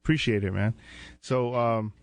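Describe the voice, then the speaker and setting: This man hosts a casual interview with his students as their youth mentor, recorded in an indoor space at a sports arena with faint music behind. His mid-range voice holds a steady tone at a moderate pace, easygoing and encouraging, and he often calls them "man" and "brother."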